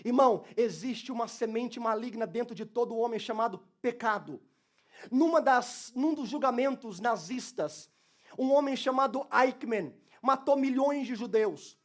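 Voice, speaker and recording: Pastor, male, very high voice, fervent sermon delivery, loud peaks and hushed stretches. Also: unhurried. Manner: passionate preaching, swings from soft to shouted. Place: church.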